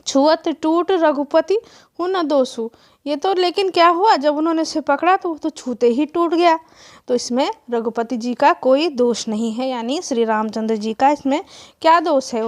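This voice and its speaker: A woman teacher who chants lines of verse in a slow rhythm and then explains them line by line to students. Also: high voice, a little mellow. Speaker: Hindi teacher.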